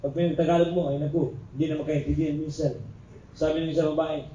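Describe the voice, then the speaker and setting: A man's voice: fairly high pitch, level tone, fast, dark tone, dull audio, slight background noise. A man with a Filipino accent giving a classroom lecture as a review lecturer, joking and quizzing his students. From Philippines. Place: lecture room. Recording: echoey room, recorder far off.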